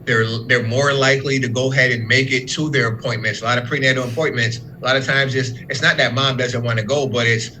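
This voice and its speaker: A man's voice: mid-range voice, fairly even intonation, fast, hardly any pauses, bright, forceful tone, a little hiss or hum, low-quality recording. A young adult man talking earnestly in a casual interview, explaining in long run-on sentences. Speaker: fatherhood program worker, guest.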